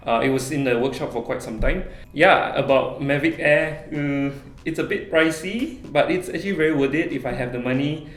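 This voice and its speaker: Chatty young Malaysian man, roomy echo. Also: mid-range voice. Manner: friendly, chatty, reads out viewer questions. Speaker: travel vlogger. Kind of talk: casual Q&A vlog talk. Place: small office room.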